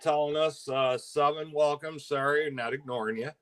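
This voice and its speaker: A man's voice: a little high, steady tone, moderate pace. A man from Michigan co-hosting a live-stream chat, chatty and wry, laughing easily. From Michigan, USA. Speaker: co-host.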